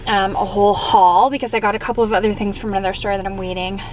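Sitting in a parked car, a young woman vlogs with the camera held at arm's length, chatting upbeat and casually. Her mid-range voice stays steady and moves quickly. The recording is low quality, with a little hiss or hum.

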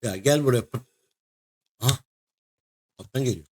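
Excitable gamer guy. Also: medium pitch, a little slow, a little hiss or hum. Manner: excitable, chatty, talks to game creatures and a co-player. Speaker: gaming video host. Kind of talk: casual let's-play commentary.

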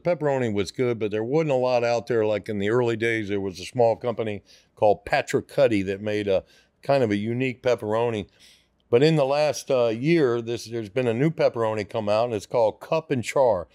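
A restaurant owner in his sixties rambles hesitantly through a casual interview, using lots of fillers and restarts, speaking into a boom-mounted studio mic in a podcast studio. His medium-pitched, slightly mellow voice runs a little fast, and the recording is dry.

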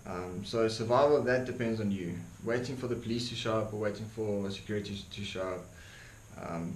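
This earnest opinion vlogger is a young Afrikaans-accented man from South Africa, talking to camera in a fairly low voice. Seated by a desk in a dark room, he gestures with his hands, fills pauses with ums, and repeats words. The room is echoey, with a faint hiss.

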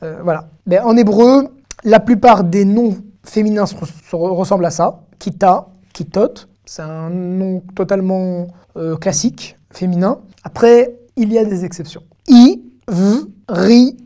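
A woman teaching an online language lesson, saying each word slowly and clearly several times before she explains it. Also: mid-range voice, dark tone. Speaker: Hebrew teacher.

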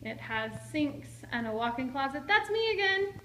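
A woman in her thirties gives a playful, chatty vlog tour, her voice high and bright. The phone camera is held at arm's length. Every word rings around the bare walls of an empty house. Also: sing-song, moderate pace, slight background noise. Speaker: vlogger. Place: large empty house, indoors. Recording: echoey empty room.

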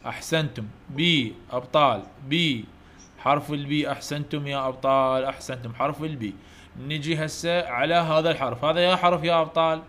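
A man with an Iraqi Arabic accent, teaching English letters to children online, coaxing loud repetition and heaping praise. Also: fairly high pitch, fairly quick, slight background noise. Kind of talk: online letter-drill lesson.

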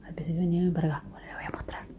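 A young woman vlogs casually from her rural house, her voice low and weak from illness, often half-whispering and cooing at dogs. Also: little pitch movement, very fast, warm tone. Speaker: vlogger. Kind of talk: casual vlog narration. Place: rural house, partly outdoors.

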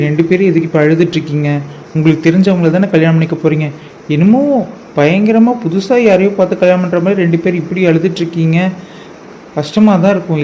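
A man voicing a young groom in a cartoon who briskly coaxes the crying brides to get moving. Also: fairly high pitch, mellow, a little hiss or hum, close to an everyday voice. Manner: brisk, coaxing. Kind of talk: cartoon voice acting. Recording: muffled lo-fi recording.

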